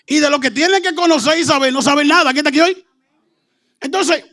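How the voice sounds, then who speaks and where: A man preaching a humorous teaching sermon, animated, laughing often and breaking into shouts. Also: very high voice.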